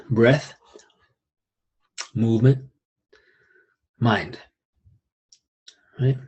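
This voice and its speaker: A young man teaching an online qigong class in a calm, unhurried way, with rising emphasis and soft asides. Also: medium pitch, slightly rough.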